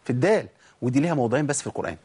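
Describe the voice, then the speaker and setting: A man's voice: medium pitch, lively intonation, very fast, darkish tone, slightly rough. A man with an Egyptian Arabic accent teaching Quran recitation rules, asking and answering his own questions and demonstrating sounds. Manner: demonstrates pronunciation. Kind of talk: tajweed lesson.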